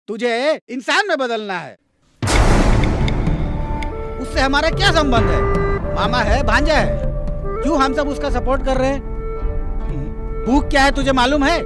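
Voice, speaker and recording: A high, rough-spoken protester. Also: male voice. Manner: coarse, lecturing. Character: blunt, rough-spoken male protester, scornful. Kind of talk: Hindi film dub. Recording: film score under the voice.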